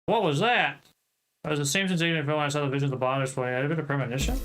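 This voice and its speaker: A man's voice: on the high side, very fast, clean tone. A man playing a video game, reading its text aloud dramatically and commenting along the way. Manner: dramatic, acts out lines. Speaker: let's play streamer. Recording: voice over loud game music.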